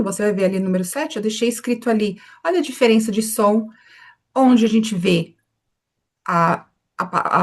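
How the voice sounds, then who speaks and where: A woman teaching an online English pronunciation lesson, modeling words slowly and carefully for her students to repeat. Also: medium pitch.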